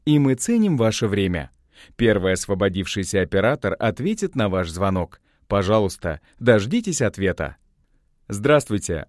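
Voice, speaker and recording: A man reading recorded phone menu announcements in a slow, formal, evenly spaced way. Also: on the low side, darkish tone, no room sound, clean studio sound. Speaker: voice-over announcer.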